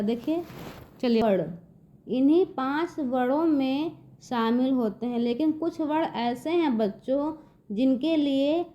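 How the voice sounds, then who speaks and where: A woman's voice: high voice, warm tone, a little hiss or hum. A woman teacher patiently explaining to children, repeating herself and guiding them step by step. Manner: patient, repeats "देखिए बच्चों" often. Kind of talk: slow classroom explanation to children. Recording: dull lo-fi recording.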